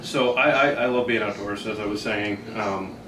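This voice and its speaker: A man's voice: on the low side, steady tone, normal speed, noisy background. Interview guest, male, Vermont accent, casual and self-deprecating rambler, distant mic in an echoey room. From Vermont, US Northeast.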